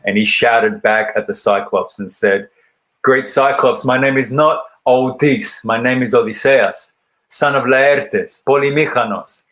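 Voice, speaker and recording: Calm, measured man retelling an ancient myth. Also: fairly low pitch, poor audio. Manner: measured, thoughtful storytelling with deliberate pauses; recites poetry in a raised, rhythmic voice. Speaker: poet and speaker. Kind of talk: reflective storytelling talk.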